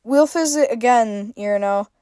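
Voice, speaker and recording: A woman's voice: a little high, moderate pace, smooth, dry recording, clean studio sound, voice pushed up, close to an everyday voice. A woman voicing a cheerful, teasing young woman in a story she reads aloud. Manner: bright and teasing.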